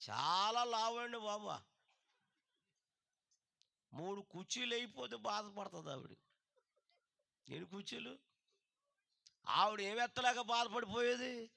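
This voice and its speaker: A man with a Telugu accent preaching a sermon, calling on the congregation to answer him aloud and moving between loud drawn-out lines and quick low asides. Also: creaky, no room sound, clean studio sound. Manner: call-and-response preaching, urging the crowd to answer loudly. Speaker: pastor.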